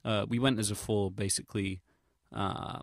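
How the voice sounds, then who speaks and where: Gravelly and fairly low-pitched, a young English vlogger speaks in a steady tone at normal speed, recorded dry at studio quality. He rambles through a casual audio log with an English accent, hesitant and informal, putting himself down and using slang and swear words.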